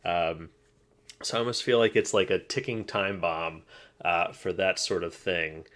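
A man's voice: low-pitched, steady tone, measured pace, a bit bright. A man co-hosting a casual podcast, rambling and laughing often with plenty of fillers and restarts. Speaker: podcast co-host. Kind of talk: casual chat.

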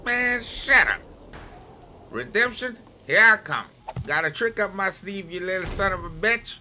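A man doing loud, excitable let's-play commentary, trash-talking enemies in the game. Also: high-pitched, unhurried, a little hiss or hum. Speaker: gaming channel host.

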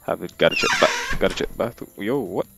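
A man's voice: lowish voice, vocal fry, bright, forceful tone. A young man giving slangy, reactive commentary while playing a horror game, calling everyone bro. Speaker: gamer. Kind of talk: live gameplay commentary.

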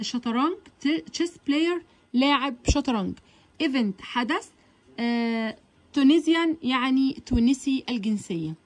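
A woman with an Egyptian Arabic accent teaching English vocabulary, sounding out words slowly and coaxing her students along. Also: fairly high pitch. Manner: slow, drawn-out pronunciation of English words; encouraging, addresses students directly. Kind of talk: vocabulary lesson.

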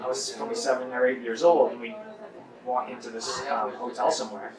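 A man casually telling a personal anecdote in an interview, relaxed with fillers. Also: mid-range voice, fairly quick. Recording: distant, roomy, crowd noise behind.

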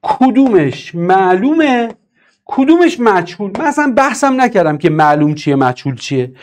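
A man teaching English grammar in a live online class, reading and answering the chat and driving his points home with emphatic repetition. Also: high-pitched. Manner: lively, emphatic, repeats key points.

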